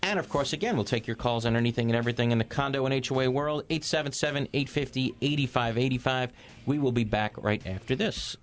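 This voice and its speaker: Guy hosting a radio call-in show, medium pitched voice, talking to listeners. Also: fast. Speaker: radio host, attorney.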